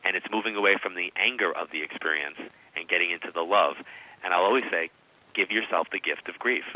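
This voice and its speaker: A man in his forties speaks emphatically as an interview guest, his voice strikingly sharp and bright and sitting a bit low. The sound is dull and muffled, like an old radio feed. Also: fairly quick. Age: 40s. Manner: emphatic, storytelling. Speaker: psychic medium guest. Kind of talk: interview conversation. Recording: dull radio-style audio.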